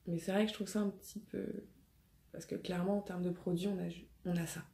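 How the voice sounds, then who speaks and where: A woman's voice: fairly low pitch, fairly even intonation, fast, mellow. A woman, hesitant and chatty in a casual beauty haul video, with many fillers. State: slight cough after illness. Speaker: beauty vlogger. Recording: echoey room, faint noise.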